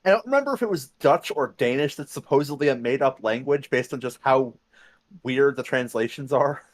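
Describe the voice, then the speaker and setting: A man chatting casually in a group voice call, making dry jokes in an easy tone. His pitch is ordinary, in the middle range. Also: expressive, brisk. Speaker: community member in voice chat. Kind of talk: casual voice chat.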